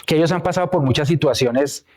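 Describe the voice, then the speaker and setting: A man's voice: a little high, fast talker, a little mellow. A male preacher giving a sermon in a conversational way, telling personal stories and checking in with his listeners. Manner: conversational, tells anecdotes, checks in with "¿sí?". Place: church.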